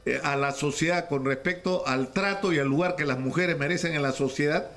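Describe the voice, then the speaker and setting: A Peruvian man with a slightly high, somewhat bright voice is being interviewed on the radio. Speaking with a Peruvian Spanish accent, he stumbles and repeats words while building his argument.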